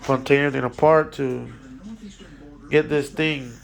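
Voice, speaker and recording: A man's voice: medium pitch, steady tone, normal speed, creaky. A man explaining a motorcycle repair in a casual workshop walkthrough, rambling with many fillers and restarts, blunt and swearing now and then. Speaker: motorcycle mechanic.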